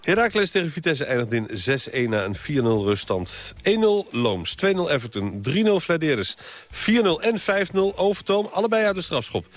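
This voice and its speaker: Lively male sports news presenter. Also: on the high side, normal speed. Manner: lively results bulletin delivery. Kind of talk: scripted sports news reading.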